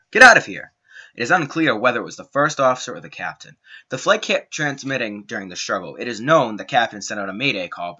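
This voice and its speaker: A young man reading a scripted documentary narration in an earnest, dramatic way, with slow emphatic phrasing. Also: lowish voice, sharp tone. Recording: dull lo-fi home mic.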